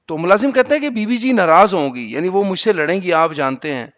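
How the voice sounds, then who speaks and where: Male teacher walking students through a reading lesson; patient, explaining each word; high voice, muffled sound. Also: animated, a bit bright, no echo.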